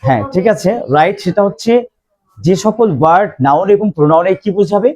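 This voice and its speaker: A man teaching English grammar to a classroom of students, slowly repeating questions for the class to answer. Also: high voice, a little mellow.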